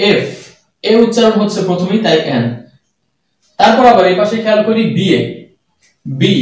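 A man teaching English grammar rules to students, patiently repeating the key points and reading examples slowly. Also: sits high, darkish tone. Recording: very echoey room, voice from a distance.

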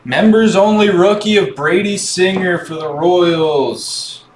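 A man speaking slowly and evenly as he hosts a live card break, naming cards and answering viewers. His voice sits a little higher than most men's. It sounds echoey, with a faint hiss in the background. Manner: slow, low-key calling of cards while chatting to viewers. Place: indoor room with card boxes on a table.

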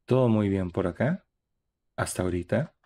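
A young man with a low-sitting, warm voice gives lively, chatty, upbeat commentary at a moderate pace. He's streaming a horror game live.

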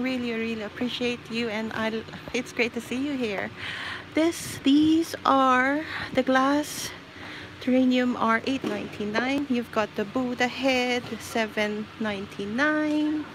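This live shopping host from the Philippines chats as she wanders a large store's aisles, phone held in her hand, announcing prices and sending shout-outs. Her pitch is fairly high, and the livestream audio carries the store's background noise.

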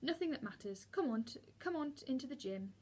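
A woman's voice: high-pitched, animated, quick pace, darkish tone, husky. A woman reading the part of a cheerful schoolboy who talks breezily and reassuringly.

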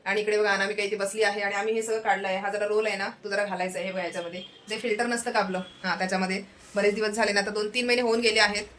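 A woman's voice: medium pitch, steady tone, racing, fairly bright tone, a little hiss or hum. A young woman chatting casually to viewers in a home vlog, pointing things out as she goes. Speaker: vlogger.

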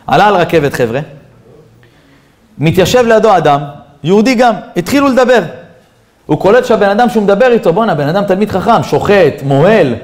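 A man, a rabbi, giving a Purim sermon as a dramatic story, calling out to his listeners and swinging his voice up and down. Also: high voice. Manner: dramatic storyteller, voices rise and drop sharply, addresses audience as guys.

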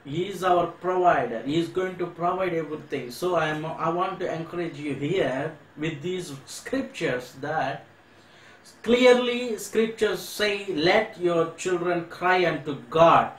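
A man with an Indian English accent preaching a sermon, earnestly repeating phrases and slowing down to stress key words. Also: a little high, expressive, fairly bright tone, echoey room, a little hiss or hum, low-quality recording. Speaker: pastor. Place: church hall.

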